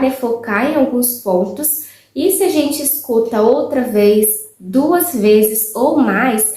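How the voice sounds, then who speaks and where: Woman, teacher voice, fairly high, chatty with lots of fillers, roomy echo. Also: a little mellow. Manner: chatty, frequent "né" fillers and "gente". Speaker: English teacher. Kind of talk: casual spoken tips to viewers.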